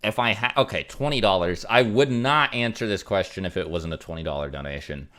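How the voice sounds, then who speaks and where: Young man, deep voice, casual streamer chat, rambly, lots of "like". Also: lively intonation, fairly quick, sharp tone. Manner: rambling, filler-heavy, frequent "like" and "um". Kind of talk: casual livestream chat reading donations.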